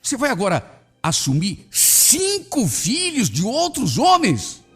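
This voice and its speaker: A man voicing a worried, scolding middle-aged mother in a radio story, with a shrill, exasperated manner. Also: huge pitch swings, slow pace, slightly rough, heavily acted. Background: soft music.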